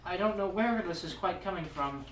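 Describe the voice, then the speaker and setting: A man's voice: high-pitched, fairly quick. A man playing a tabletop game in a casual, hesitant way, recorded far from the mic in an echoey, noisy room. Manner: hesitant, fillers. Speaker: player.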